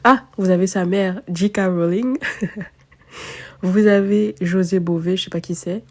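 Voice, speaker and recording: A woman's voice: medium pitch, fairly even intonation, a little slow. A woman, an astrologer chatting casually and self-mockingly, thinking aloud with many fillers. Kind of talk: casual chat to camera.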